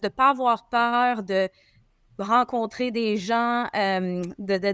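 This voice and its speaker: Québécoise posée et hésitante, prise de son sèche. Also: female voice, mid-range voice, clear, resonant tone, no echo, studio quality. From Quebec. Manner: thoughtful, hesitant, repeats words. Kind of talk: casual podcast conversation.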